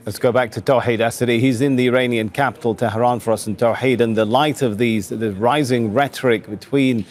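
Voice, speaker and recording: A man's voice: mid-range voice, fairly even intonation, fairly quick. A man working as a news anchor, presenting scripted news and handing over to a correspondent.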